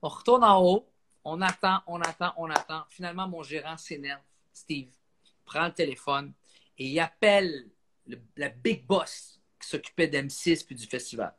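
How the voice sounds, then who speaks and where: A man's voice: fairly high pitch, moderate pace. A man with a Québécois French accent, a comedian telling a story on a live stream and acting out the people in it. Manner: animated, acts out voices.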